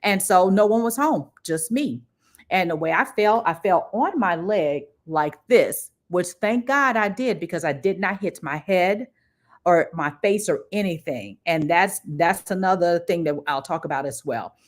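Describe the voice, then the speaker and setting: Middle-aged woman telling a story, lively. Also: lowish voice, unhurried. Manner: lively storyteller who acts out what people said. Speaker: livestream host and career coach. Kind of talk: casual personal storytelling on a livestream.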